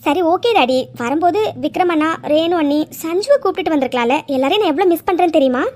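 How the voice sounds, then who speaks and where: A woman's voice: very high voice, lively intonation, fast, darkish tone. A woman voicing a cheerful, teasing young daughter studying abroad in a cartoon. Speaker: daughter character. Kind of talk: cartoon voice acting.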